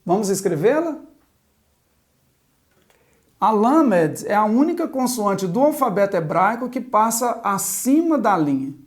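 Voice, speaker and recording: Working at a board, a woman teaching Hebrew spells out sounds one by one and has the viewer repeat them in a slow, patient lesson. Her mid-range voice swings widely in pitch, and she speaks unhurriedly, pausing often.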